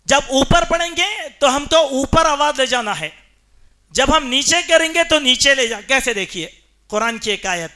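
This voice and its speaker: With a very high, bright, and forceful voice, a male preacher gives an expressive Friday sermon in a mosque. He speaks emphatically and tests the congregation with rhetorical questions.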